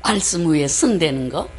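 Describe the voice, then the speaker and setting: This woman missionary has a lowish voice and delivers her sermon through a personal story, with a little hiss or hum in the background. She's animated, frequently clears her throat, and performs the voices of those she quotes.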